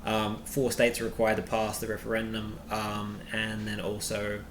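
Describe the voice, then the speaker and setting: A man giving informal, unscripted commentary in a halting, hesitant way, recorded on a cheap old webcam microphone. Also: lowish voice, monotone. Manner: halting, hesitant delivery with repeated words. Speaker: video host and poll commentator. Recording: cheap old webcam mic, echoey, faint noise.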